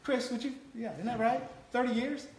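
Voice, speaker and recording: Pastor, male, high-pitched, conversational sermon that swells to fervent calls, echoey church. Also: steady tone, moderate pace. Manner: conversational, rising to passionate exhortation. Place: church sanctuary.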